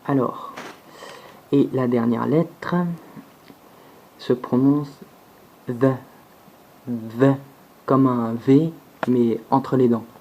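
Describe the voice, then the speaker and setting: A man giving an alphabet pronunciation lesson, slow and deliberate, repeating each sound several times, recorded on a phone. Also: mid-range voice, steady tone, mellow, lo-fi sound, a little hiss or hum. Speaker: language teacher.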